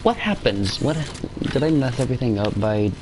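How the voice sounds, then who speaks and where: A man's voice: medium pitch, big pitch swings, moderate pace, noisy background. A man doing casual gameplay commentary, thinking aloud to himself as he plays. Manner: self-talk, thinking aloud. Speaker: gamer doing a playthrough. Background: game sounds.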